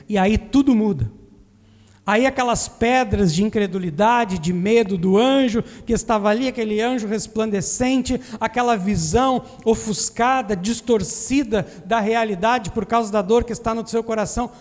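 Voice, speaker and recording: A man from southern Brazil preaching a sermon to a congregation, earnest and questioning, in a church sanctuary. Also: high voice. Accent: Brazilian Portuguese, southern Brazil. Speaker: pastor. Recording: long hall reverb in a church.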